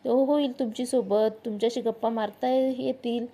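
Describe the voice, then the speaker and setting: A woman's voice: fairly high pitch, steady tone, moderate pace, dark tone. A woman voicing a friendly, curious young man driving home in the rain.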